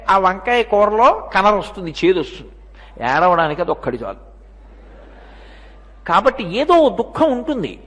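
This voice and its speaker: An older man delivers a religious discourse in a high, ringing voice. He moves between rhetorical questions and homely examples. A long reverb trails his words as if he is speaking in a large hall. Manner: rhetorical questions, animated storytelling.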